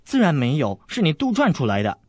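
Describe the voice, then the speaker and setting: 男声扮演的娇憨少女, 语调活泼起伏, 嗓音略沙哑. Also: male voice, on the high side, wildly swooping pitch, a little fast, darkish tone, no echo, studio quality. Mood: earnest. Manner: innocent, earnest. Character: naive young noble girl, sweet and innocent.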